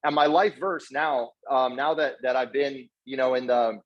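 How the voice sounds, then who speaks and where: A Canadian network marketer, partly raised in South Africa, gives an informal motivational testimonial as a guest speaker. His mid-pitched voice moves at normal speed with fairly even intonation, and he is earnest, effusively grateful and full of slangy bro-talk with repeated words. The audio is dull, lo-fi online call sound.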